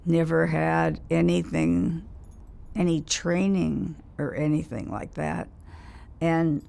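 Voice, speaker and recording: A very old woman in her nineties reminiscing in a casual interview, speaking haltingly in short phrases with pauses mid-sentence. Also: fairly low pitch. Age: 90s. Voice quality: very old woman's gravelly, creaky voice.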